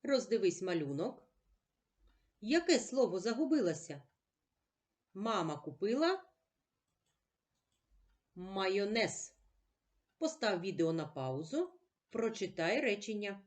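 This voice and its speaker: Slow, lively-voiced woman teacher. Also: mid-range voice. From Ukraine. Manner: patient, questioning and answering herself. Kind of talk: slow, clearly paced reading lesson for children.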